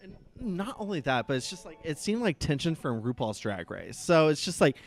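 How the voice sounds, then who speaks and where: A man's voice: fairly high pitch, sing-song, normal speed. Campy, sassy man, drag queen banter. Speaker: co-host reviewing a TV episode. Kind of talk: casual chat, recap banter. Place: venue with a small live audience. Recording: music behind the talk.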